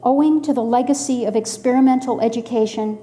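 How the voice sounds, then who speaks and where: A woman in her sixties from the Los Angeles area, telling a personal story in a measured, dryly humorous way. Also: on the high side, mellow. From Los Angeles area, USA.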